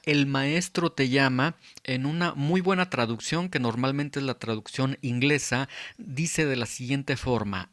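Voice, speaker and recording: Guy preaching a bible sermon, earnest and emphatic, middle pitch, dry close sound. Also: a bit bright, no echo. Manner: earnest, emphatic teaching with frequent pauses. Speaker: pastor.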